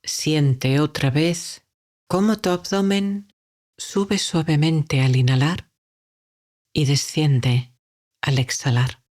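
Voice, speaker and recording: A woman with a deep, low voice leads a guided meditation. She speaks very slowly and softly, leaving long calm pauses between her phrases.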